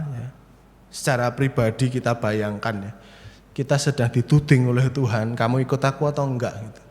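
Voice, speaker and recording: A young male preacher giving a sermon, chatty and storytelling, talking to the congregation at home. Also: mid-range voice. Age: young adult. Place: church, streamed to people at home. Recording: reverberant church hall.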